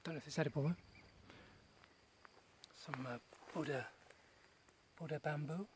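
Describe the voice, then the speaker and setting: A man giving a casual, unscripted garden tour outdoors, speaking in short phrases with pauses between them. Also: on the high side. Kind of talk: casual rambling vlog narration. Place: outdoors in a large rural garden. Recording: noisy outdoor recording with nature sounds.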